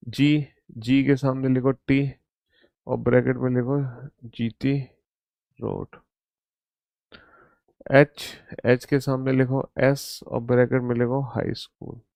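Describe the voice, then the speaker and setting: Slow gravelly male teacher dictating. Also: medium pitch, a little mellow, no echo. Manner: calls students "beta", slow dictation with repeated instructions. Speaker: reasoning teacher. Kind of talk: online exam-prep class.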